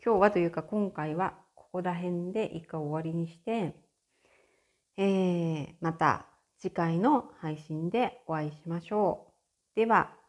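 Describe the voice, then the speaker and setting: A woman's voice: fairly low pitch, measured pace. A woman hosting a casual solo audio chat, chatty and often laughing. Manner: chatty, frequent laughter, animated shifts in tone. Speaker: podcast host.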